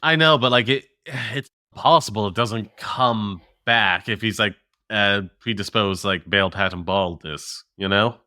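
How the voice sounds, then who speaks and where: A man's voice: on the low side, unhurried, few pauses, no echo, clean studio sound. A man co-hosting a tech podcast, chatting casually and moving the talk along to the next segment. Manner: animated, leads the segments. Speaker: podcast co-host. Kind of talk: casual chat.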